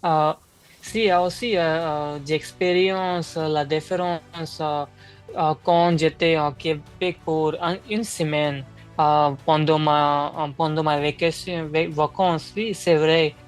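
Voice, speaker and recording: A woman candidate in a speaking exam role-play, speaking a second language. She talks slowly and a little low, stopping often to search for words and restarting her sentences. Faint music plays behind her. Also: steady tone, rough recording. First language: not French. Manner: halting, many fillers and restarts.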